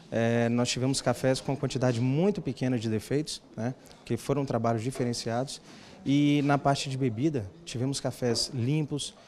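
A man's voice: mid-range voice, darkish tone. Man explaining in an interview. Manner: explanatory, many fillers. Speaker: agronomist interviewee. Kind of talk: interview answer. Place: indoor tasting room. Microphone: handheld reporter mic.

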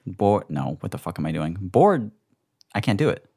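A man's voice: low-pitched, sing-song, moderate pace, gravelly, warm tone, husky. A man co-hosting a podcast in casual chat, joking, swearing and mocking himself. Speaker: podcast co-host.

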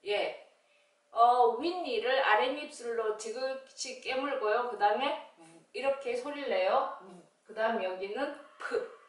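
Slow, echoey woman teaching phonics. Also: fairly high pitch, recorded from a distance. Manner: slow, drawn-out sounding of letters, cheerful greetings. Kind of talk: children's phonics lesson.

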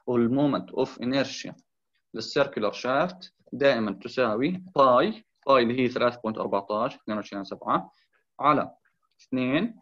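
Fast-talking man tutoring engineering. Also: medium pitch, a bit bright. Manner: repeats key points, mixes English terms into Arabic. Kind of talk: explaining torsion on a drawing. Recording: slightly dull lo-fi sound.

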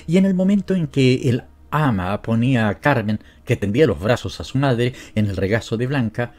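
A man with a Latin American Spanish accent giving a measured, expressive literary narration. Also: medium pitch. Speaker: audiobook narrator.

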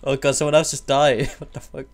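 A man playing an online game with friends, giggling and excitable, talking into a headset. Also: mid-range voice, a little fast, background noise. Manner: giggly, excitable, frequent laughter. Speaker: gamer. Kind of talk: casual gaming chat.

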